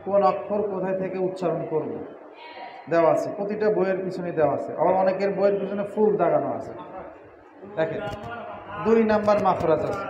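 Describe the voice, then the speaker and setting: A man's voice: sits high, echoey room, in a large hall, muffled recording. A man teaching Quran reading in a mosque class, drilling letter sounds and stretching syllables in a chanting recitation.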